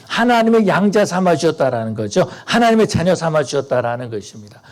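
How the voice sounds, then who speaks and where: Fervent pastor, man, higher voice. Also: darkish tone. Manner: earnest, rising to fervent appeals. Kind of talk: sermon.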